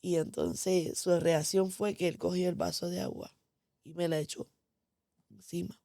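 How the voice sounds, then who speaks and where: A woman's voice: lowish voice, flat delivery, unhurried, creaky, warm tone, no echo, clean studio sound. A woman candidly telling her personal testimony, speaking with feeling and frequent "este" fillers. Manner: candid, emotional storytelling with many "este" fillers. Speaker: guest giving testimony. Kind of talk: conversational testimony.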